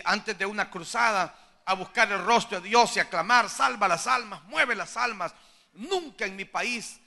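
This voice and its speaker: A middle-aged man preaching a sermon as pastor, impassioned, moving from hushed storytelling to shouted appeals. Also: high voice.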